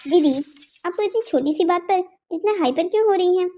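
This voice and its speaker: Stubborn young bride in a cartoon, defiant and careless, voiced by a woman with a high, mellow tone. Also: a little fast. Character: young carefree younger daughter-in-law, stubborn.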